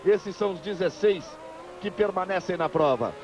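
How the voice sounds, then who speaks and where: High-pitched Brazilian male motorsport commentator. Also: normal speed, darkish tone. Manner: emphatic, repeats positions and phrases. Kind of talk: live motor race commentary. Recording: dull, noisy old TV broadcast.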